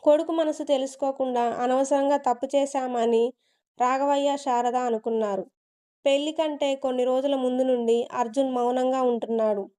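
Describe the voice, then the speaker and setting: A woman narrates a dramatic story, expressive and steady. Her voice sits high and rings clear and smooth. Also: moderate pace.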